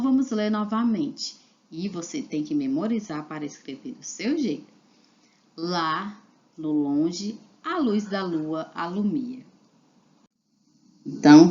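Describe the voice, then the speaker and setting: Slow, low-voiced woman teaching children. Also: warm tone, muffled recording. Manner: slow, patient, spelling out syllables for children. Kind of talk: reading a children's literacy lesson aloud.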